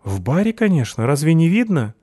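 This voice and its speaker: Brief: sweet young blonde woman, put on by a male reader, gentle and friendly, pitched high. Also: big pitch swings, fairly quick, breathy edge, no room sound, studio quality.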